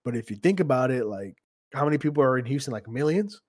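A man's voice: medium pitch, lively intonation, fast talker, a little mellow. A young man chatting casually in slangy, profane frat-bro manner. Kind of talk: casual chat.

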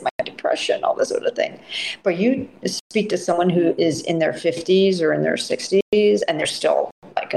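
Middle-aged woman dietitian guest with an animated, conversational delivery and frequent restarts. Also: low voice, gravelly, slight background noise, rough recording. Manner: animated, repeats words when starting sentences. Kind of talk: casual interview chat.

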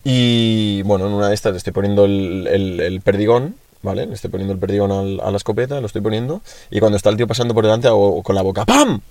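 A young man from Spain with a Peninsular Spanish accent, casually chatting as a podcast co-host and telling animated stories with acted-out voices and sound effects. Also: on the low side, quick pace, hardly any pauses, no echo. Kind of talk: casual chat.

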